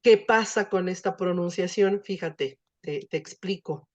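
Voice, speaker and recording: A woman's voice: lowish voice, a little slow, muffled recording. Patient woman teaching Latin. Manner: patient, explanatory, many fillers. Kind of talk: online grammar class.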